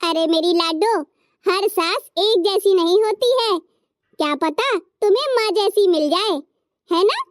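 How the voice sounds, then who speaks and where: A woman voicing a patient young daughter-in-law in a cartoon story, who talks gently and gives advice. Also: extremely high pitch, a little slow, no echo, clean studio sound. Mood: gentle. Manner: gentle, advising.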